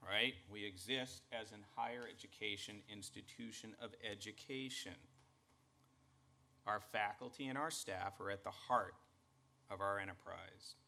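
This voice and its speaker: A man's voice: fairly low pitch, pushed and bright. A man with a Boston accent delivering a formal, earnest address to college staff as its president. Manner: measured, emphatic, earnest.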